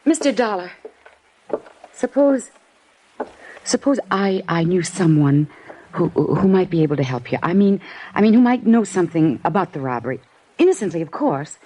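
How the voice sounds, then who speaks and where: In 1950s-style radio drama acting, a woman plays a nervous young diner waitress who stammers and hesitates while hiding secrets she knows. Her lowish, dark voice is very animated at a moderate pace, with long pauses and a pleading mood. The rough recording has slight background noise.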